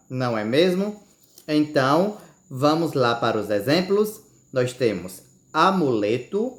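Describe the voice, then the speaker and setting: Man teaching slowly in an echoey room. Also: medium pitch. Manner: slow deliberate, stretching key words, frequent "certo?" and "ok?". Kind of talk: recorded video lesson.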